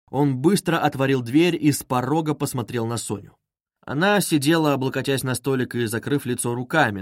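A man narrating a classic novel as an audiobook in a measured, expressive way. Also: mid-range voice, no echo, studio quality.

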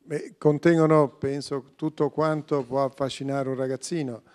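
A man's voice: mid-range voice, flat delivery, normal speed, darkish tone. A man as a radio interview guest, answering earnestly and listing his points one after another. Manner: earnest, lists ideas in a row.

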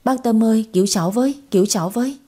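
A woman voicing a spiteful young woman who scolds sharply and fast. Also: medium pitch, dark tone, slightly rough, natural voice. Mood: whiny pleading.

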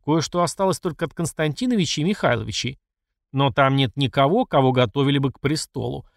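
A man's voice: mid-range voice, fast talker, gravelly, no room sound, clean studio sound, close to an everyday voice. A man voicing a furious middle-aged emperor who scolds and accuses his mother. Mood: angry. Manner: angry and accusing.

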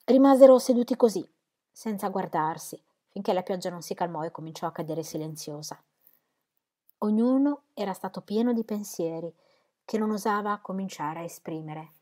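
A woman reading a classic novel aloud as an audiobook, calm and even. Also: medium pitch, normal speed. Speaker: audiobook reader. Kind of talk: literary audiobook narration.

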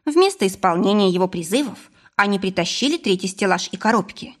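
Husky woman reading an audiobook, mid pitch, expressive. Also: brisk. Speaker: audiobook narrator. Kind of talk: scripted narration.

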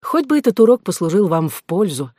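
Sharp and reproachful, this is a worldly courtesan sister who scolds and lectures, proud of a life spent on pleasure, as a reader puts her on. She speaks at a middle pitch with lifts of emphasis, in a dry, close recording with no room around the voice. The telling is that of a classic audiobook. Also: big pitch swings, a little fast, slightly rough, no echo. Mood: scolding. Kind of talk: audiobook reading.

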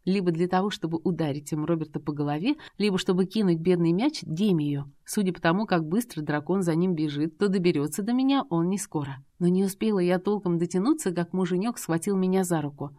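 A woman narrating a first-person fantasy romance, expressive, wry and indignant. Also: on the low side, brisk, few pauses. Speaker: audiobook narrator.

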